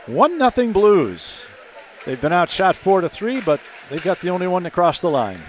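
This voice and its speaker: A man giving hockey play-by-play commentary, keeping a steady call that jumps to shouts on shots and goals. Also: high-pitched, a little fast, slight background noise. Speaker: play-by-play announcer.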